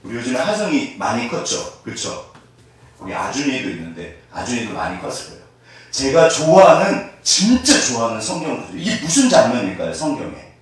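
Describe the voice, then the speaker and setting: Heard from a distance in an echoing room, a pastor delivers an animated sermon and keeps putting questions to the congregation. His voice is mid-range and his pace brisk.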